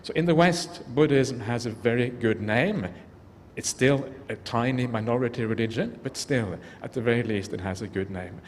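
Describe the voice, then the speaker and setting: A man's voice: mid-range voice, moderate pace. Reflective man giving a dharma talk in a reverberant hall. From Norway. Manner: earnest, reflective, speaks to the audience directly. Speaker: Buddhist monk giving a talk. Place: large convention hall. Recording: long hall reverb, faint background noise.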